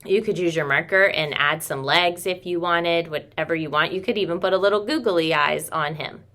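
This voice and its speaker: A woman in her thirties who teaches preschool speaks to young children from a small room at home, showing them a craft. Her voice is lowish and a bit bright, at a normal speed, and she keeps her talk simple and child-directed, calling her listeners friends.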